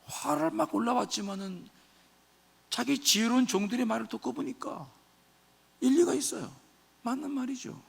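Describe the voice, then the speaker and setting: Male pastor, animated sermon, questions the crowd, high pitch, reverberant sanctuary. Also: moderate pace, gravelly, long pauses, breathy edge. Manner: animated preaching, questioning the congregation. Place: church sanctuary.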